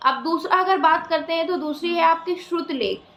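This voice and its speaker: Woman teacher doing exam prep, high voice, keeps checking in, echoey room. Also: normal speed, fairly bright tone. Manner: explains step by step, many fillers and "ठीक है" check-ins.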